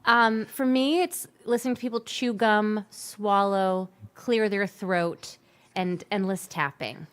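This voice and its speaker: Lady with a bit of vocal fry, animated chatty co-host, laughs a lot. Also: medium pitch, slow pace. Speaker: music teacher and co-host. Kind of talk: casual chat.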